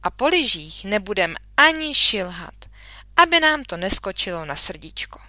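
A woman voicing a kind father tending his sick daughter in a children's storybook reading, brisk, loud and teasing. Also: medium pitch, big pitch swings, no room sound, studio quality. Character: caring father of a sick girl, kind and joking.

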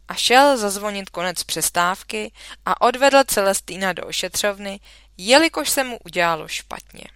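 A woman reading a children's storybook aloud in a studio, lively in her storytelling. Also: medium pitch, clean tone, no room sound. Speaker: audiobook reader. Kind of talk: children's audiobook narration.

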